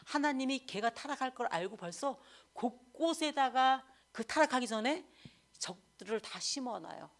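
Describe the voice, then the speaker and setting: A woman's voice: high voice, normal speed. Woman evangelist giving a candid sermon. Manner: candid testimony, animated storytelling. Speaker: evangelist preacher.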